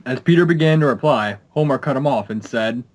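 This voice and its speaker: A man narrating a story in a plain, steady read-aloud manner. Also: mid-range voice, a little fast, poor audio. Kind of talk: scripted narration.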